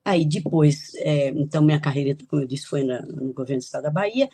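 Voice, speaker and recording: A woman's voice: sits low, quick pace, dark tone, breathy edge. An older woman from Italy speaks as a guest author in a podcast interview. She recounts her life in a chatty, reminiscing way, with light laughs between thoughts. The sound is dry and close, with no room echo. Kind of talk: podcast interview, personal storytelling.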